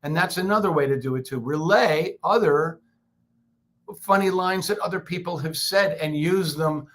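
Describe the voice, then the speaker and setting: A man's voice: fairly high pitch, moderate pace, fairly bright tone. A man hosting a public speaking session, teaching in a loose, conversational way full of restarts and fillers. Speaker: co-host of a speaking workshop. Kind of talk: casual instructional talk.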